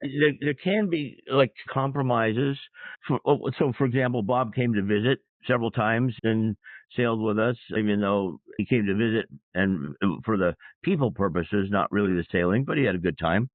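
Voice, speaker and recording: A man as an interview guest, a sailor and public speaker, telling his story in a reflective, measured way. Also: fairly low pitch, no echo. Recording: dry, phone-like line.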